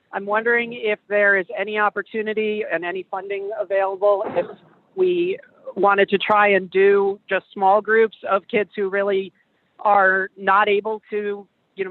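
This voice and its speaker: A woman board member calling in on a speakerphone from her car while driving. She asks her questions politely, pausing often to find her words. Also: medium pitch, no room sound. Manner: polite, hesitant, many filler pauses. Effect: car speakerphone call while driving. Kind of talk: remote meeting questions. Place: in a moving car. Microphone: phone speakerphone. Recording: tinny dry phone line from a car.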